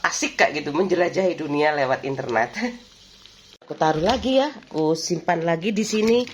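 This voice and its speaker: This vlogger, a woman with a lilt, talks at a moderate pace in a deep, expressive voice as she cooks at home. Slight background noise sits under her rambling, reminiscent chat, which is full of easy laughter.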